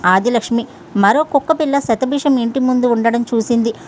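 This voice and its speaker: A woman narrating a scripted domestic story in an even storytelling manner. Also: a little high, a little fast, slight background noise.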